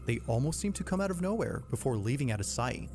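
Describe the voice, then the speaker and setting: A man giving measured, suspenseful scripted narration for a paranormal video compilation. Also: medium pitch, big pitch swings. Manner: measured, suspenseful storytelling delivery. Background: music.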